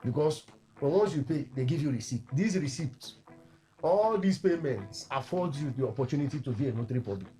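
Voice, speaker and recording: Lawyer guest, slightly high voice, insists and explains. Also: male voice, animated, fairly quick, dark tone. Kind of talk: casual studio chat.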